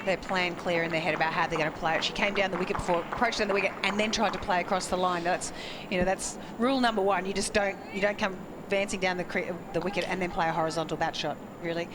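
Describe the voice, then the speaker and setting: A woman's voice: on the low side, fairly even intonation, fast, few pauses. A woman from Queensland with an Australian accent giving informal, explanatory live cricket analysis. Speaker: expert analyst cricket commentator. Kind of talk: live sports analysis, conversational. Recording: noisy outdoor ground, traffic ambience.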